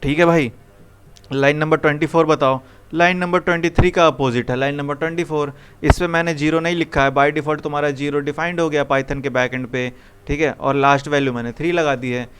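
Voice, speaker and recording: A man's voice: on the high side, fairly even intonation, a little fast, a bit bright, a little hiss or hum. A young man teaching programming to a live classroom, coaxing students with repeated questions. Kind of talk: live classroom coding lesson.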